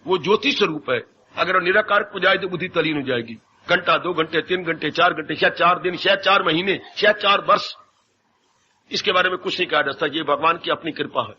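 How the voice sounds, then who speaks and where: A man's voice: a little high, a little fast. A man giving a devotional sermon as a spiritual teacher, telling stories and acting out voices. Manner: storytelling, often acting out voices. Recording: dull lo-fi 1990s tape with faint hiss.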